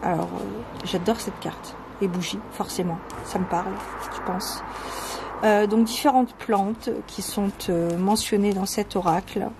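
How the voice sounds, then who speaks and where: A woman hosting a casual video about her oracle cards, talking with many pauses, fillers and restarts. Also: mid-range voice. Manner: reads card texts in a soft, calm tone. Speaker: channel host presenting oracle cards. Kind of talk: casual chat. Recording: home video with clear background noise.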